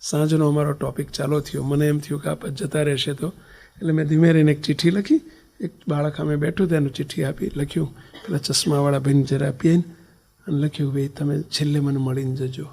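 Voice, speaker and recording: A man with a Gujarati accent, a swami telling a story in a sermon, his voice rising loud and then falling to a near whisper. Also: on the high side, level tone, brisk, creaky. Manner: swings between loud stressed lines and soft, near-whispered ones. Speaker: swami giving a religious discourse.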